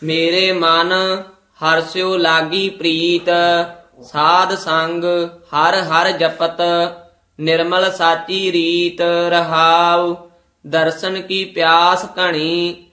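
A man, a student, chanting scripture verses slowly and evenly. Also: on the high side, level tone, sharp tone. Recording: roomy echo.

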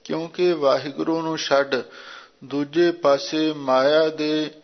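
A man explaining Sikh scripture verse by verse in a measured, repeating manner. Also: on the high side, flat delivery. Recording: muffled lo-fi recording.

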